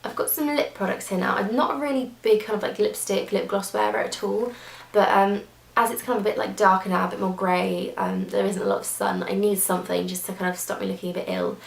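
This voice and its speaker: A woman's voice: medium pitch, lively intonation, brisk, creaky. A young woman chatting casually through a beauty product review, gushing, with lots of fillers and restarts. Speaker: beauty vlogger. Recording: echoey room.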